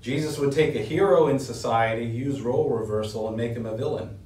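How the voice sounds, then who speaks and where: A middle-aged pastor gives a sermon at a lectern in a small room, talking a little fast in a slightly mellow voice. He's earnest and builds pitch and force on his key points, and the distant mic leaves him set back in a roomy echo.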